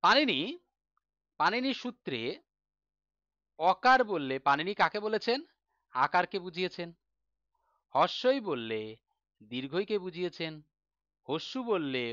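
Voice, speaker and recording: A man's voice: sits high, bright, forceful tone, no room sound, dull audio. A man teaching a Sanskrit lesson in a Bengali accent, patiently asking questions and answering them himself. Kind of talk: online lesson explaining on a board.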